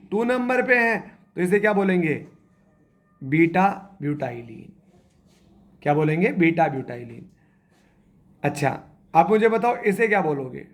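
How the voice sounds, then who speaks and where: Brief: male chemistry teacher, high voice, quizzes the class, slow step-by-step. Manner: asks the class questions and repeats answers; spells out structures slowly, step by step. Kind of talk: classroom lecture.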